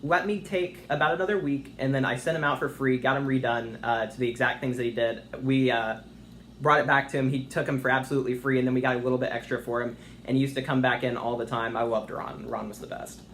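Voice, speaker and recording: A young man with a mid-pitched voice answers interview questions during a speakerphone call. He is eager and chatty, informal yet polite, with faint noise around him. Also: level tone, quick pace, a bit bright. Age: young adult. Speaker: internship applicant being interviewed.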